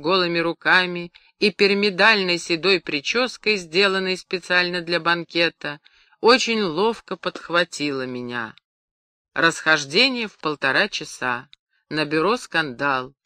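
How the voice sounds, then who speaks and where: Woman narrator, audiobook reading, calm and measured, bright clear tone, dry close recording. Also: fairly low pitch, no echo. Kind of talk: scripted narration.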